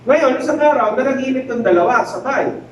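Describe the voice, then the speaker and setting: A man preaching a sermon as a pastor, telling a story in an animated, joking way and acting out the people in it. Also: very high voice, fairly quick, a little hiss or hum. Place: church hall. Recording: very echoey hall, distant mic.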